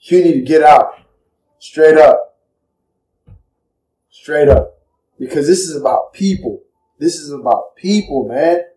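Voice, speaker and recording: A man's voice: a little high, takes it slowly, long pauses, mellow, roomy sound, distant mic, poor audio. A man preaching with passion and emotion, repeating his lines for emphasis. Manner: impassioned, repetitive, emotional. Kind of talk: sermon.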